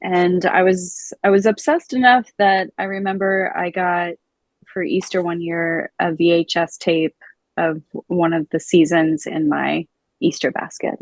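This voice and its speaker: A woman's voice: lowish voice, fairly even intonation, a little slow, dry recording. A woman in her forties, a guest artist, speaking hesitantly with many "um" fillers. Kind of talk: casual interview chat.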